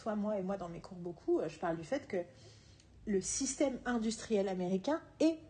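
A woman co-hosting a casual podcast chat who laughs often and talks in a lively, quick way. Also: mid-range voice. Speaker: podcast co-host and screenwriting teacher.

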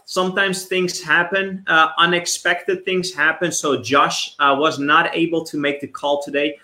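An eager male host with a fairly high, bright and edgy voice, often restarting his sentences in his excitement. He is heard in a roomy, echoing space. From immigrant background. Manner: enthusiastic, stumbling restarts. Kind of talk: hosting a live online interview show.

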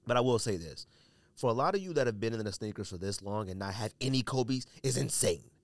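An American podcast host talks solo, offering opinionated commentary in slangy, colloquial speech and repeating phrases for emphasis. His fairly low voice is animated and fairly quick, with no room sound on the recording.

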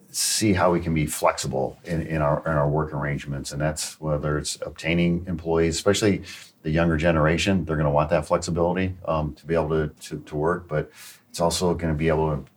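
A man hosting an interview show in a conversational, slightly halting way, repeating words as he goes. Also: rumbling low, flat delivery, a little hiss or hum. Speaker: show host.

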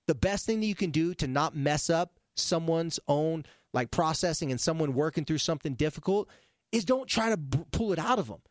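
Quick animated guy therapist, jumps all over, kinda high voice, dry close sound. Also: no room sound. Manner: animated storyteller who jumps between topics. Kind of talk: casual podcast chat.

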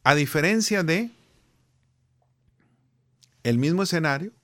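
A man's voice: on the high side, slow. A middle-aged man, a guest speaking on personal growth, who tells anecdotes and acts out the people in them. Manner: animated storyteller, acting out the people in his anecdotes. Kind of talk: conversational storytelling.

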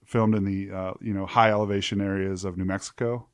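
A man's voice: low voice, little pitch movement, a little fast, smooth, no echo. A man from central Wyoming, co-hosting a review podcast with a dry, rambling wit. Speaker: podcast co-host. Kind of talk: casual review chat.

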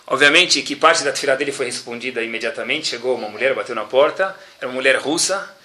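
A man telling a religious story in an animated sermon style. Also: medium pitch, quick pace, slight background noise. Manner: lively, animated storytelling with Hebrew terms.

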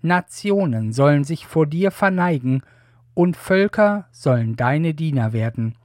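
Aged patriarch read by a man, solemn, unhurried, a little high. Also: lively intonation, no room sound, studio quality. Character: aged blind patriarch giving blessings.

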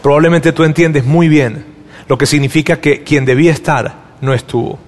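A man's voice: a little high, normal speed, long reverb tail. A man preaching a sermon, telling a story animatedly and acting out the dialogue, with many repeated words. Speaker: pastor.

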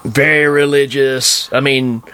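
A man's voice: medium pitch, a little slow, clean tone. A man co-hosting a podcast, chatting casually and jokily about a bad movie, acting out scenes as he goes. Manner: jokey, animated, acts out scenes. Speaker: podcast co-host.

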